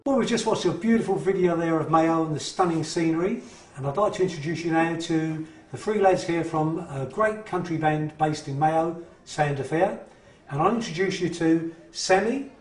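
Bloke hosting a chat show, fairly high voice, bit far from mic in echoey room. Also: male voice, normal speed, faint music behind. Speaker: TV host. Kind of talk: casual presenting and interviewing. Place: indoor lounge, seated group. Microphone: lapel.

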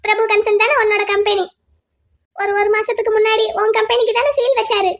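A woman voicing a defiant young wife held captive in a cartoon drama, who calmly pleads and reasons with her captor. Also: very high-pitched, brisk. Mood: pleading. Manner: calm, pleading then lecturing at length.

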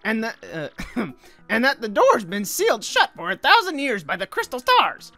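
Woman voicing a quirky scientist professor, bright tone, lively melody, reads lines aloud with slips. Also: fairly high pitch, normal speed, faint music behind, full character voice. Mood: lecturing. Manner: reads game dialogue aloud, stumbling over words. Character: eccentric male scientist professor.

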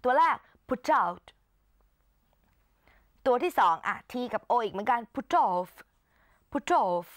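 A woman teacher giving an exam-prep English lesson, explaining in Thai and saying English phrases slowly and clearly for students to repeat. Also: a little high, expressive, fairly bright tone, no room sound.

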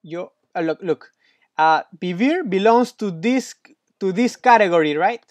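A man's voice: high voice, expressive, measured pace, dry recording. A man tutoring Spanish one-on-one, patient and encouraging, praising often, with slightly non-native English phrasing. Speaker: Spanish teacher.

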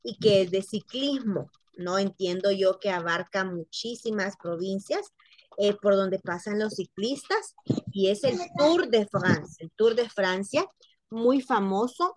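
A woman teaching a French class online, speaking slowly and repeating each word to model its pronunciation. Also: mid-range voice, dry recording.

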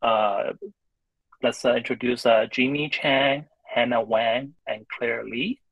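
A man hosting a video-call showcase, introducing the presenters with halting speech full of fillers. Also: medium pitch, steady tone, gravelly, breathy edge, no room sound, dull audio. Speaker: host.

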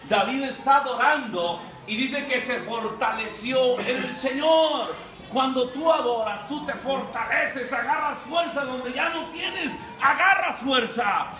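A man's voice: extremely high pitch, slow pace. A man preaching a sermon as a dramatic storyteller, acting out voices and calling for amens. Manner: dramatic storyteller, acts out quotes, calls for amens. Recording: echoey hall, mic at a distance.

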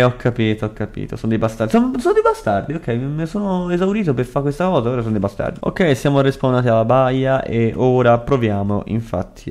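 Excitable young Florentine gamer guy. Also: mid-range voice. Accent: Florentine Italian. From Italy. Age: young adult. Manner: excitable, swears a lot, shrieks when startled. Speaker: gaming youtuber. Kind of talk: casual gameplay commentary.

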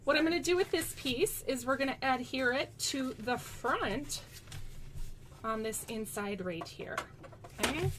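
In a casual craft tutorial, a woman with a high voice and lively intonation shows how to make cards, talking unhurriedly and with giggles to her viewers as "you guys," as if they were friends. A little hiss or hum sits under the audio.

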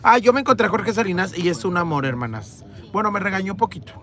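A woman's voice: mid-range voice, animated, fast, a bit bright. A woman with a Mexican accent hosting a casual livestream, reading comments aloud in a teasing, crude way from a moving vehicle. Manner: teasing, crude, quotes others in a raised voice. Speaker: livestream host.

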